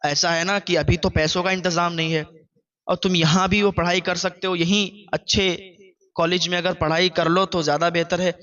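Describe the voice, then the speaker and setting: A man voicing a patient, elderly father who speaks softly and pleadingly to his son. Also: level tone, dull audio. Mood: pleading, tender. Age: older. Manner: soft, pleading, low. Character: gentle old father, patient, tearful.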